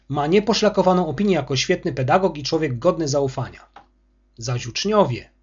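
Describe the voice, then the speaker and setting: A domineering, harsh school superintendent in an audiobook scene, performed by a male reader. His voice sits high, swoops with anger, and has a husky edge. The recording sounds muffled and lo-fi. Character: angry arrogant male school superintendent, bullying official.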